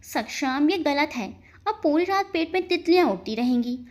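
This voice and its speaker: A bubbly young wife, lovestruck and playfully pleading, with a lively, high voice, as a woman narrator plays her. Her lines bounce with affection. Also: normal speed. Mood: affectionate.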